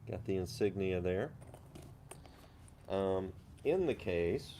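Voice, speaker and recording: Low-voiced man chatting casually on a livestream. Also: expressive, slow pace, warm tone, a little hiss or hum. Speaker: host of a pipe-smoking live chat.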